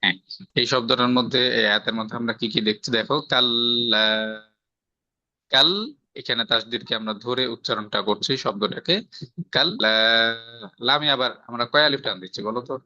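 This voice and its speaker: Male Bangladeshi recitation teacher, very bright tone, patient step-by-step explainer who quizzes the student; dry, slightly muffled recording. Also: medium pitch, fairly even intonation, fast, no echo. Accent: Bangladeshi Bengali. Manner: explains step by step, checks for understanding with rhetorical questions. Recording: slightly dull, dry lo-fi sound.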